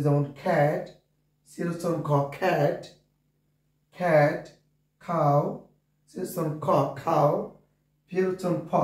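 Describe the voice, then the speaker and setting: A male teacher with a Bengali accent speaks a slightly high voice at a very slow, deliberate pace. He spells sentences out one word at a time and keeps calling out to dear viewers. The sound is distant and echoey, as if he stands away from the mic in a bare room. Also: a little mellow. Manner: addresses the audience as dear viewers again and again. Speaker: English teacher. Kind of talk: slow classroom-style grammar lesson.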